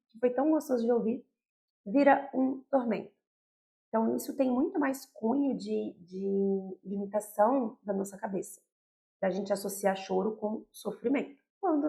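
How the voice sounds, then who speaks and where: A woman's voice: fairly high pitch, vocal fry, darkish tone, rough recording. A young Brazilian woman pediatrician explaining baby care to parents in a direct, explanatory way, often checking in with "tá?" and "né?". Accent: Brazilian Portuguese. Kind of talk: educational talk to parents.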